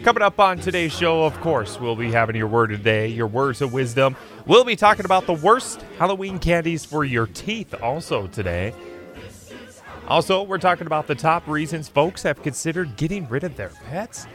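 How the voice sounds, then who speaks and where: A man's voice: a little high, normal speed, soft background music. A man hosting a morning radio show with cheerful, upbeat patter. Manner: cheerful, lively delivery. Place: radio studio.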